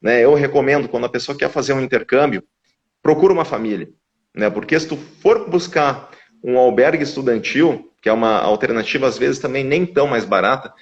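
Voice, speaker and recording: In dull, lo-fi live-stream audio, a man who is a guest from a language school explains at length in casual conversation. His mid-range voice moves fairly quickly, and he frequently starts over with repeated words.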